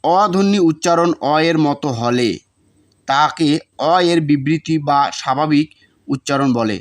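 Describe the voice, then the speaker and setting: Male tutor, slightly high register, reads study notes, repeats words for pronunciation. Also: measured pace. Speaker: teacher. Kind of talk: reading exam notes aloud.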